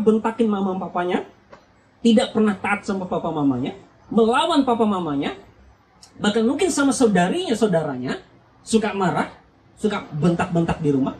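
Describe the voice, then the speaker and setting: A young adult preacher speaks at a church youth retreat with a pitch that leaps all over, acting out small scenes and firing questions at the listeners. A faint hiss of room noise sits underneath. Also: rough recording. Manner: animated, acts out little scenes and quizzes the audience. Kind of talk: lively youth sermon.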